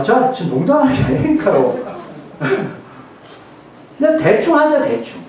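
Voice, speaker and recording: Joking pastor in an echoey hall. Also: male voice, high voice, a little mellow, slight background noise. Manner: joking, conversational, many rhetorical questions. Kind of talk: sermon. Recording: very echoey hall, mic far off.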